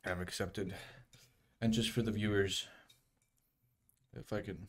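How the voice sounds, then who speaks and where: A young man chats casually as co-host of a podcast. His voice sits a little low, and he speaks into a table mic in a small indoor studio. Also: fairly even intonation, unhurried, background noise. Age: young adult. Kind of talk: casual chat. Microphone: podcast microphone at the table.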